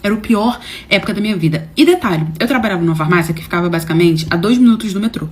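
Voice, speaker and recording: A woman telling a personal story to her viewers, animated and dramatic, with slangy phrasing and swings between loud and soft. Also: mid-range voice, very fast. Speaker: storyteller host. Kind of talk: casual storytelling to camera.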